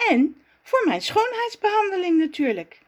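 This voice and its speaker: A vain little storybook critter, as a woman reads her out chirps in a shrill, very high voice. She fusses over her looks and squeals when scared. The voice leaps about with lively swings. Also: normal speed. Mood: cheerful. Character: vain young female critter, fussy about beauty.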